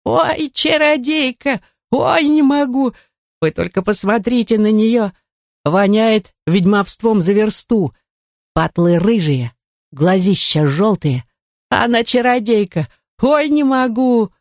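A grumpy little house-spirit from a fairy-tale audiobook, as a woman reader puts him on, rumbling and gruff with a slow, sneering drawl. The voice is dark and mellow, close and dry with no room sound. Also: lively intonation, no room sound. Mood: cackling. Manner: gruff, rumbling, drawn-out mockery.

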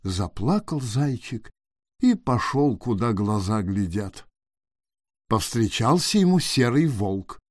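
Man, fairy-tale narration, slow, sing-song, dry close mic. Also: medium pitch, sing-song, dry recording. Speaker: storyteller. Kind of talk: storybook narration.

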